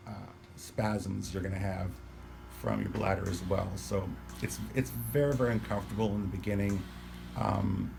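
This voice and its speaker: A man talking casually to camera in a halting, explanatory way, sounding weak and dry-mouthed as he recovers from surgery. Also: on the low side, gravelly. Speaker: patient recording a personal video diary. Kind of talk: casual spoken vlog, explanatory. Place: hospital room. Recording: noticeable background room noise.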